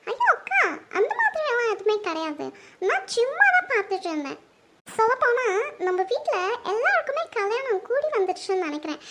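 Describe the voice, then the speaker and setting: A woman doing a sulky, very high-pitched bride-to-be. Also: very animated, brisk, very noisy. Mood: embarrassed. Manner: whiny, pleading. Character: sulky young woman dreading her wedding.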